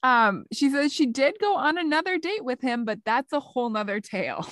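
A woman's voice: high-pitched, big pitch swings, normal speed, a bit bright, no room sound. A woman co-hosting a podcast, chatting casually and laughing often as she tells and reads out stories. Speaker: podcast co-host. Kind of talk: casual chat.

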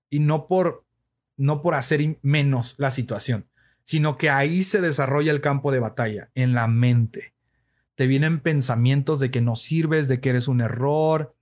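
Man, earnest testimony to livestream viewers, slightly higher voice, conversational. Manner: earnest and conversational, with frequent "entonces" and "¿no?" check-ins.

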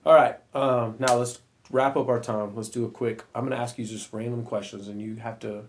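A man hosts a casual church podcast in an easygoing, chatty way. He leans on ums and uhs as he talks. His voice sits at an ordinary middle pitch. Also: brisk, slight background noise. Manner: relaxed, chatty, many fillers. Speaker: podcast host.

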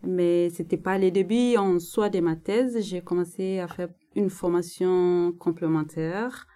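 A woman in her thirties from the Congo, explaining her research in a thoughtful way with frequent pauses. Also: lowish voice, fairly even intonation, warm tone. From Democratic Republic of the Congo, North Kivu. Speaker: guest researcher. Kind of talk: interview, personal account.

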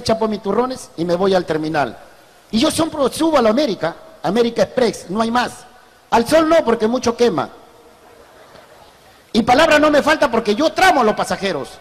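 A man's voice: high-pitched, big-room sound. A man with a Peruvian accent doing a crude, slangy street stand-up routine with punchy storytelling. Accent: Peruvian Spanish. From Peru. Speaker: street comedian.

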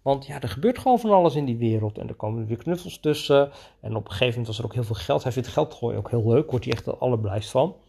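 A man with a faintly husky voice talks through a podcast episode about his coaching work with children. His delivery is eager and lively, full of enthusiasm for the story he is telling. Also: mid-range voice, quick pace. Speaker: children's coach with own practice. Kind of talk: podcast monologue.

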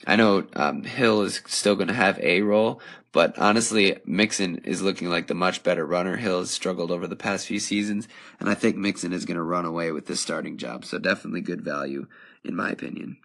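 A young man hosts a podcast on his own, musing out loud and filling pauses with ums. His voice sits very low with a gravelly, fry-laden texture. It sounds worn and slightly hoarse, as if he has been talking for a while. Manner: casual, thinking aloud with frequent ums. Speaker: podcast host. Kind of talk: solo podcast commentary.

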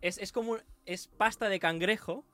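A man hosting a casual podcast about anime, relaxed and trailing off as he talks. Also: high voice, normal speed. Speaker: podcast host.

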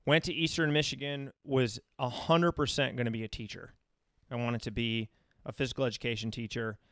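A man's voice: mid-range voice, steady tone, brisk, a bit bright, no echo, studio quality. An American man in his thirties talking casually and at length, telling anecdotes as an interview guest. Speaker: interview guest, running coach. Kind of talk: casual chat.

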